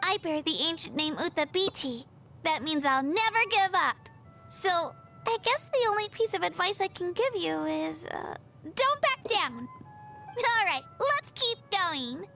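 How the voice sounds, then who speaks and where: A woman's voice: very high-pitched, animated, a little slow, gravelly, pushed and bright, full character voice. A sweet eager young girl. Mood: earnest. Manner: sweet, encouraging, a little shy. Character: cheerful young girl companion, earnest and eager. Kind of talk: game character dialogue. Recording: game dialogue under background music.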